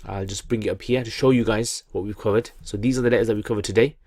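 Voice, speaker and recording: A man teaching pronunciation in a call-and-repeat lesson, encouraging and deliberate as he repeats sounds for learners. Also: on the low side, fairly even intonation, a little mellow, dry recording, clean studio sound. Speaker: Quran reading teacher.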